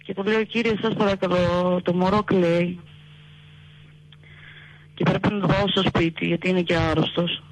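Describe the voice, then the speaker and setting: A young woman calling in to a radio show, telling her story haltingly and retelling what people said. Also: lowish voice, flat delivery, rough recording. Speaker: caller. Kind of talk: telephone call to a radio show.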